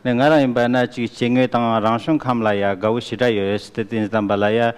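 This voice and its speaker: A man interpreting a biology lecture for students, beginning each turn with a quick affirming "aha.". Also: medium pitch, fairly even intonation. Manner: brisk, with frequent affirming "aha". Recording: smooth voice in a long-reverb hall.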